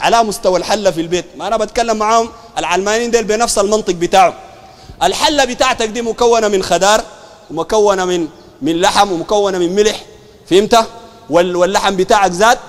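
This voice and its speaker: A man with a Sudanese Arabic accent preaching a colloquial sermon, animated and mocking, full of rhetorical questions. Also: high-pitched, very fast, big-room sound.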